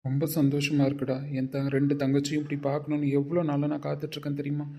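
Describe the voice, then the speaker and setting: A man voicing a warm, grateful elder brother in a homemade family drama, speaking eagerly. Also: on the high side, monotone, very fast, a little hiss or hum, natural voice.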